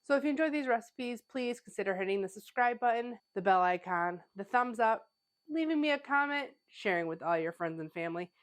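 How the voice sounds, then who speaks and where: This woman, a pastry chef, runs a laid-back home-kitchen cooking lesson in a slightly high, animated and brisk voice. She's still a bit congested from a cold and fills her chatty talk with lots of "like."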